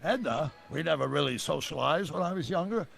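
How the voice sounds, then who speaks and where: An actor playing an older, excitable male scientist who rambles through long explanations. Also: on the high side, fairly quick, vocal fry, exaggerated voice. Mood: chatty.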